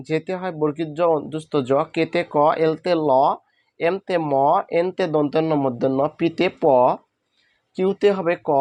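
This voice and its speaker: A man's voice: on the high side, no echo. A man teaching a spoken lesson, patiently asking questions and answering them himself. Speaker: English teacher.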